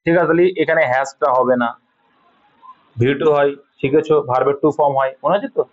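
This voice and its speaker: A man with a Bengali accent works through an English grammar lesson, explaining each correction patiently and often checking that his students follow. His voice sits a little high for a man. The recording is dull and lo-fi. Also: fairly even intonation, a little fast. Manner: patient, repeats points and checks understanding. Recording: dull lo-fi sound.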